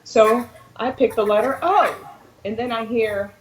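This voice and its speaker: A woman guest co-host telling stories in a lively, laughing way. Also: on the high side, measured pace, reverberant, a little hiss or hum, low-quality recording. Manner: animated, laughing storyteller. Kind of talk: casual chat.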